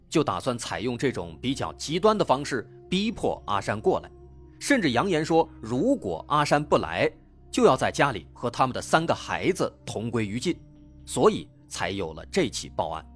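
A man hosting a true-crime podcast, telling a case in a dramatic, lively way. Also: medium pitch, normal speed, slightly rough, faint music behind. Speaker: host.

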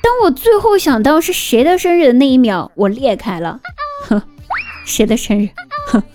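A young woman with a cutesy, girlish, squeaky-sweet voice, telling comic personal stories in a playful, exaggerated way as a streamer. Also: lively intonation, normal speed, mellow, soft background music. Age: young adult. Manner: playful, exaggerated, acts out dialogue. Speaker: online streamer and host telling funny anecdotes. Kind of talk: comic storytelling monologue.

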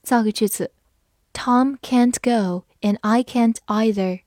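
A woman English teacher who spells words letter by letter and reads example sentences slowly and clearly. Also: a little high, a little mellow, dry recording, studio quality. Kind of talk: vocabulary lesson, spelling and slow reading.

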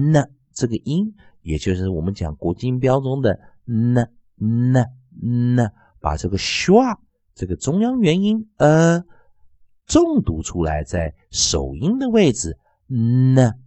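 Slow, sing-song male phonics teacher. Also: dry recording. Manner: slow, drawn-out repetition of sounds and words; very lively, sing-song pitch. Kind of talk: classroom-style phonics lesson.

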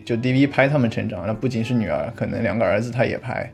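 A man's voice: medium pitch, quick pace. A man who is a guest on a podcast, explaining his topic in an easygoing way, thinking aloud with restarts and easy laughs. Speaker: podcast guest, vlog creator. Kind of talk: casual podcast chat.

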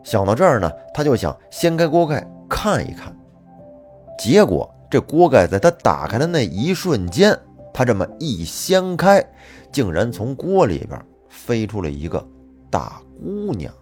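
A man telling a folk tale in a lively, colloquial manner with plenty of fillers. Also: mid-range voice, unhurried. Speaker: storyteller. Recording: faint music behind.

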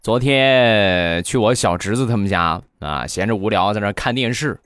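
A man's voice: lowish voice, lively intonation, normal speed, a bit bright, smooth, no echo, faint music behind. A man hosting a comedy show, telling comic anecdotes in a chatty storytelling manner.

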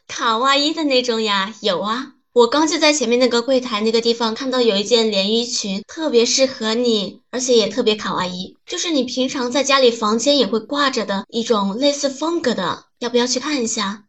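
A woman's voice: fairly high pitch, normal speed, fairly bright tone. A woman acting a doting partner who coaxes and soothes in a comedy skit. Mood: coaxing. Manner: coaxing, pleading, soothing.

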